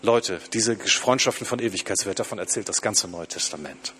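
A man preaching a sermon to his congregation, slowing down to stress quoted lines. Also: lowish voice, a bit bright, a little hiss or hum.

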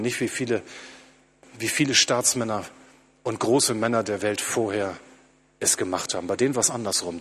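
Male preacher, husky voice, emphatic sermon delivery that slows for quoted lines. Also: lowish voice, a bit bright.

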